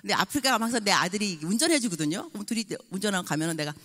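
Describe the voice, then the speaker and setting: A woman in her sixties preaching a revival sermon as a guest pastor, lively and acting out little dialogues. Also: mid-range voice, racing, in a large hall. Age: 60s. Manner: animated, mixes in English phrases and acts out dialogue. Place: church sanctuary.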